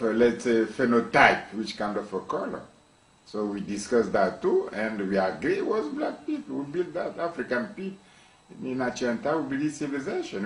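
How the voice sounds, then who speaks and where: A man from Congo, a university professor, speaking in an interview with emphatic repetitions and frequent restarts. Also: medium pitch. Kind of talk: interview monologue. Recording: echoey room, mic at a distance.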